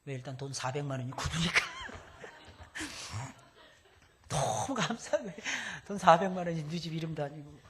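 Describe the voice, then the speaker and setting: A male pastor in his forties preaching a sermon at a church service, dropping to hushed whispers and then rising to loud, emphatic cries. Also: fairly high pitch, expressive, moderate pace, long pauses, background noise.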